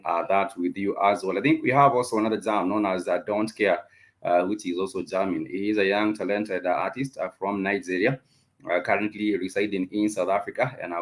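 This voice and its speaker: With a deep voice and a Kenyan accent, a radio host runs an unscripted music talk show. He speaks haltingly, with many ums and repeated phrases.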